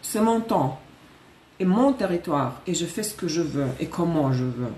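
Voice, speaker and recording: A woman's voice: fairly low pitch, lively intonation, moderate pace, warm tone, reverberant, distant mic, slight background noise. A woman from Russia with a Russian accent, chatting casually through a live tarot reading, correcting herself and joking as she goes. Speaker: tarot reader.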